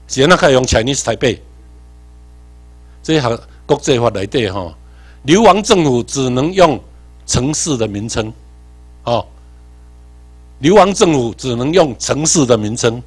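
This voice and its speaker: A man from Tainan with a Taiwanese accent, giving an animated workshop lecture, quizzing the audience and swinging between emphatic and muttered asides. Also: mid-range voice. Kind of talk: seminar lecture mixing Hokkien and English terms.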